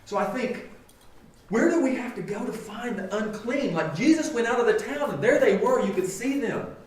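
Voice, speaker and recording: A man's voice: very high voice, expressive, normal speed, a little hiss or hum. A man preaching a sermon as pastor, talking to his congregation in an earnest, conversational way full of rhetorical questions. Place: church sanctuary. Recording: echoey church hall, mic at a distance.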